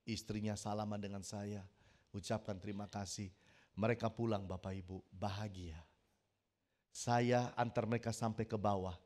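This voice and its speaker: Middle-aged male pastor from Indonesia, preaching a story-driven sermon that swells into loud emphatic appeals. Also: lowish voice, fairly even intonation, moderate pace. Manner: storytelling, acts out quotes, builds to loud emphatic peaks.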